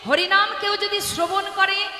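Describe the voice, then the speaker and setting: A woman's voice: very high-pitched, level tone, normal speed. A woman preacher and kirtan singer giving a devotional sermon, urging the audience and breaking into chants. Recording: echoey hall with loud music.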